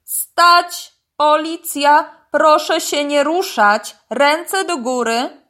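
A woman voicing a stern male crocodile policeman who barks orders and then explains calmly. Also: mid-range voice, slow. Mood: commanding shout. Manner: loud commanding, then calm explaining.

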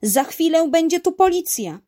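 A woman voicing a brave, cheerful uncle who leads a diving crew and loudly scolds wrongdoers, in a children's story. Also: mid-range voice, very animated, slow pace. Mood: indignant.

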